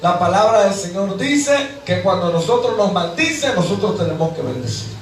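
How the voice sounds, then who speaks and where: Mexican male pastor, high voice, animated sermon delivery, heard from a distance in a very echoey hall. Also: normal speed. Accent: Mexican Spanish. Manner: animated preacher acting out everyday voices.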